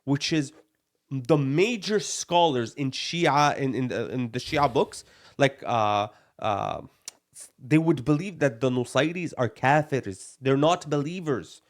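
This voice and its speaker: A man's voice: medium pitch, expressive, slow. A young man from Palestine, a podcast co-host, arguing bluntly and emphatically in a heated discussion, peppering his talk with "bro" and Arabic phrases.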